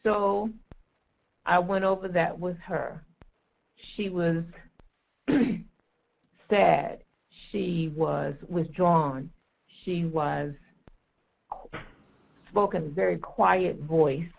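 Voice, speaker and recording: Low, gravelly woman attorney speaking hesitantly. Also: a little mellow, slight background noise, poor audio. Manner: measured and hesitant, with many ums. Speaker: family law attorney. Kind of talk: speaking in a training webinar.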